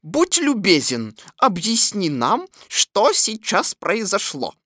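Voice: mid-range voice, very animated, moderate pace, bright, forceful tone, no room sound, clean studio sound, pitched above the performer's own voice. A reader voicing a fussy, self-important male rabbit who talks solemnly. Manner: reasoning, solemn, bossy.

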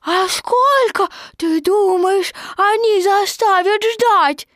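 A woman voicing an excitable tiny young male kangaroo in a storybook, chattering eagerly in a squeaky voice. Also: slow, no echo, studio quality, exaggerated voice.

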